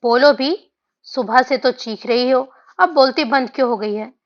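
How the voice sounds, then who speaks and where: Woman doing a snappy irritable young girl, high voice, lo-fi sound. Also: measured pace. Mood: irritated. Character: sharp-tongued young woman, impatient. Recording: dull lo-fi audio.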